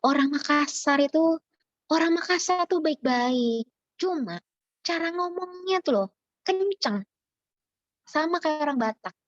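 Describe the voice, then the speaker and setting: A woman's voice: high-pitched, a little slow, pauses often, dry recording, highs cut off. Chatty woman lecturing. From Java. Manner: chatty, animated, many fillers. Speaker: lecturer, webinar speaker. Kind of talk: informal lecture. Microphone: video call.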